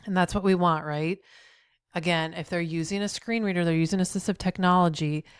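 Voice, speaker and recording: With a clean, lowish voice, fairly even intonation and a fairly quick pace, a middle-aged accessibility trainer leads a tutorial video. A head cold makes her slightly nasal, and she encourages the viewer directly with frequent "right?", in studio quality with no echo.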